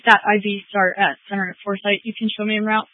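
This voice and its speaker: A woman medic calls in with quick, clipped radio talk. Her voice is squeezed into a narrow two-way radio band and sounds dry and close. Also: mid-range voice, level tone, dry recording. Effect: two-way radio transmission. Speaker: medic crew member.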